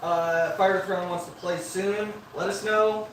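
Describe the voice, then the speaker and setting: Teasing band member, off-mic and echoey. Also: male voice, sits high, fairly even intonation, takes it slowly, a bit bright, recorded from a distance. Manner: laughing, teasing. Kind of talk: casual livestream chat. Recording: roomy echo, off-mic, noise.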